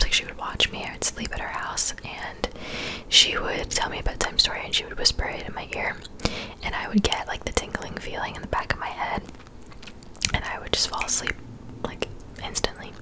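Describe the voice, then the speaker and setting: Whispering softly and breathily, this ASMR creator in her twenties responds to viewers in a relaxed, unhurried chat. The audio quality is poor.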